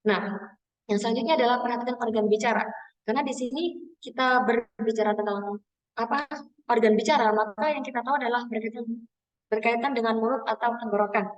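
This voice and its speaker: A woman's voice: fairly high pitch, a little fast. A woman teaching a public speaking webinar in a casual, instructive way, often addressing her listeners as friends. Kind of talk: webinar lesson. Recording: distant from the mic.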